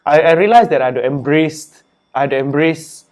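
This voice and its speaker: A young Singaporean man, an author and entrepreneur, chats as a guest in a casual interview, sounding relaxed and often dropping "you know" and "man". His voice is rather high and his pace fairly quick.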